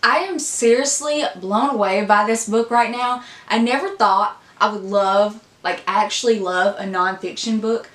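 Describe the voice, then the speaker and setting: A woman's voice: medium pitch, a bit bright. A woman talking casually to her viewers as a book vlogger, upbeat and chatty. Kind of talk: casual chat. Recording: roomy echo.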